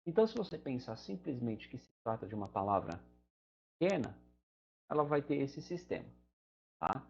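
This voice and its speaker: A man's voice: mid-range voice, sing-song, moderate pace, vocal fry, long pauses, a little mellow, muffled recording. A man with a Brazilian Portuguese accent explaining grammar to students in a chatty, conversational way, often checking in with the listener. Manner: conversational, fillers like "né" and "tá". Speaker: English teacher.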